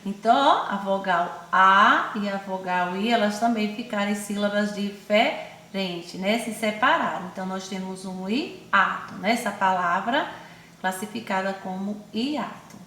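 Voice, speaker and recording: A woman with a Brazilian accent teaching young children in an online class, speaking affectionately and stretching words out slowly syllable by syllable. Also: medium pitch, bright, forceful tone, reverberant, slight background noise. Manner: affectionate, calls pupils "my loves" and herself "auntie". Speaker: primary school teacher.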